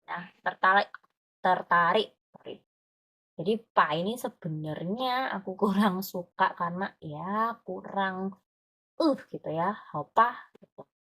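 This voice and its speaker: A woman's voice: medium pitch, unhurried, a bit bright, husky. A woman tutoring Mandarin, explaining patiently and often checking that her student follows. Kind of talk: online language lesson.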